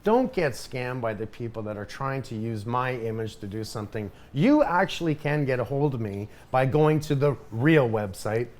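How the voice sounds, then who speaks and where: A middle-aged man hosting a podcast, telling a story in casual chat with animated, emphatic delivery and lots of repetition. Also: mid-range voice, moderate pace, few pauses. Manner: animated, emphatic, repeats himself. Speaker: podcast host.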